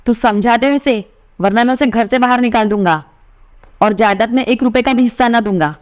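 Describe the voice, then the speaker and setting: A woman's voice: on the high side, moderate pace, no room sound, clean studio sound, close to an everyday voice. A woman voicing a domineering older male cousin who blusters and threatens over family honour. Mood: blustering angry.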